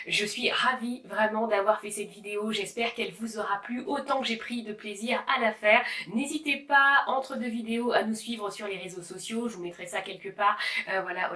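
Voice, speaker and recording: A woman's voice: mid-range voice, a bit bright. A woman in her thirties talking casually at home about her haircare routine, often laughing and saying "euh", with her children sometimes heard playing. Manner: chatty, laughs often, many fillers. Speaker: beauty vlogger. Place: home room. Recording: echoey room. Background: children playing in the background.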